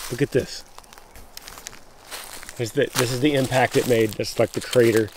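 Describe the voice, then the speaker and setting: Walking through rural woods with a handheld camera, a male vlogger excitedly shows viewers storm damage, calling them "guys" and breaking off mid-sentence to restart. His voice is medium-pitched at normal speed, with background noise present.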